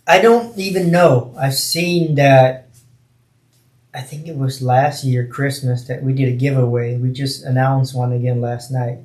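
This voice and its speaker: Male podcast guest, mid-pitched, casual talk, noticeably roomy sound. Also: fairly even intonation, unhurried, darkish tone. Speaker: podcast guest, video creator. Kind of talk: casual chat.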